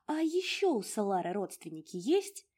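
A woman voicing a curious, puzzled young woman in a storybook reading, inquisitive and wondering, with a husky voice. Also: medium pitch, very animated, moderate pace, darkish tone.

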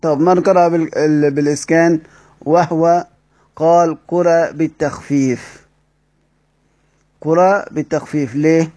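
A man's voice: a little high, steady tone, moderate pace, dark tone. A man with an Egyptian accent teaching a lesson step by step, reading out quoted passages and asking the class questions that he answers himself. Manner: explains step by step, asks the class rhetorical questions and answers them. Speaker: Quran recitation teacher.

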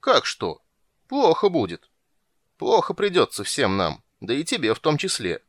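A man reading a story aloud and voicing an irritable, blustering male sea king who shouts and grumbles. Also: mid-range voice, big pitch swings, normal speed, no echo. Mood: grumbling menace. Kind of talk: audiobook reading.

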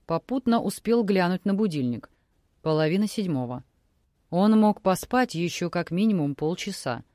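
Woman reading an audiobook, lowish voice, dry close sound. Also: animated, moderate pace, mellow, no room sound. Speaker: audiobook narrator. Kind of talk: scripted narration.

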